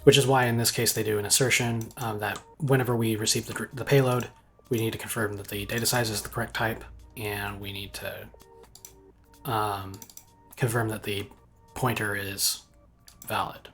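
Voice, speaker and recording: A man's voice: on the low side, level tone, soft background music. Man thinking aloud while coding. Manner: thinks aloud, halting with ums and restarts. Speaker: game engine programmer. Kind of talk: live coding walkthrough.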